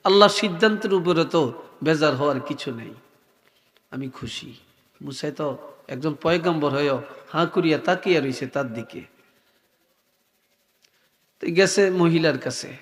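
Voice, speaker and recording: A man preaching a sermon, telling a story slowly and softly, sometimes in a sing-song chant. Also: on the high side. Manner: slow, soft-spoken storytelling, sing-song chanting at times. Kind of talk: Bengali waz sermon. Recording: echoey hall.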